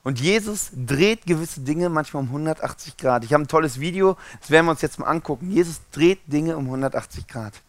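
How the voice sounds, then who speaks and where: A male preacher with a fairly high voice delivers an animated sermon, jumping between loud bursts and near-quiet lines. His sound is dry and close, with no room around it. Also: a little fast, few pauses, no echo.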